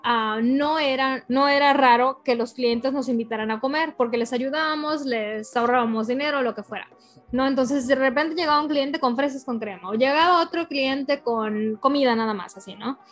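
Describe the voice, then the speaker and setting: A woman in casual chat, reacting to a story and then telling her own. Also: high voice.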